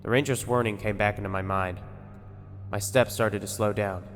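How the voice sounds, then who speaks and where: A man's voice: on the low side, fairly even intonation, normal speed, a bit bright. A man narrating a scripted first-person horror story in a tense, conversational way. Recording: long reverb with music behind.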